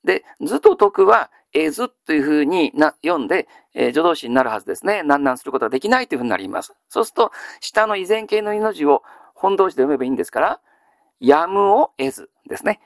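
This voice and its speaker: A male teacher giving a grammar lesson, asking questions and answering them himself, with frequent drawn-out fillers. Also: on the high side, gravelly, no echo, studio quality. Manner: steady lecturing with many drawn-out fillers; quizzes listeners then answers himself. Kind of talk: classical Chinese grammar lesson.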